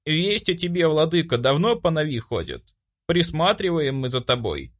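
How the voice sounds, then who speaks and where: A man's voice: a little high, big pitch swings, normal speed, voice pushed up. A man voicing a small male house spirit in an audiobook, humble and old-fashioned in speech. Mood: respectful.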